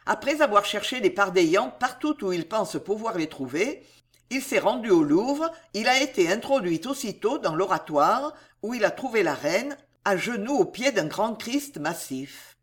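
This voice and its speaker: In a mid-range, very animated voice, an audiobook narrator reads from a historical novel. The delivery is slow and theatrical, told with dramatic storytelling flair.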